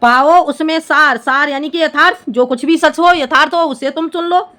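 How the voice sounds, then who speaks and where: High-voiced woman teacher explaining a poem. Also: moderate pace, sharp tone. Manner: explains line by line, often checks understanding. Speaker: Hindi teacher. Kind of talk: classroom-style poem explanation.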